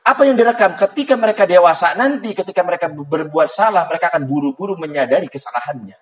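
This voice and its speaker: Guy preaching, jokey, laughs a lot, slightly high voice. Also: animated, fast, rough recording. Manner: jokes and laughs often, mixes in Sundanese. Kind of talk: humorous sermon.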